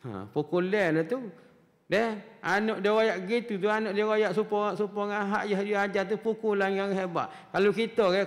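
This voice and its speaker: Kelantanese man lecturing in an echoing mosque. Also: sits high. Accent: Kelantan Malay. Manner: conversational, rhetorical questions, frequent "ha" interjections. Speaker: religious teacher. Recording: long mosque hall reverb.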